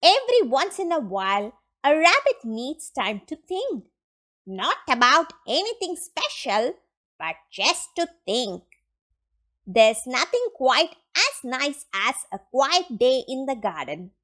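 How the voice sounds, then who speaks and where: A woman's voice: sits high, big pitch swings, slow, pushed and bright, full character voice. A woman voicing a fussy, irritable male storybook rabbit with a fretful, exasperated manner. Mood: content musing.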